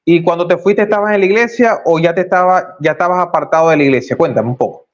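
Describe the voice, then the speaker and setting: A man's voice: high voice, fast talker, muffled recording. A man hosting a faith testimony interview, asking probing questions and exclaiming praise to God. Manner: warm-toned religious exclamations, asks probing questions. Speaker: host.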